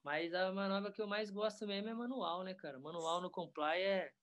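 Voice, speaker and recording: A man, a professional skateboarder talking in a relaxed, rambling way full of slang. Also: high-pitched, moderate pace, lo-fi sound. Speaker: pro skateboarder guest. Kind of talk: casual interview chat.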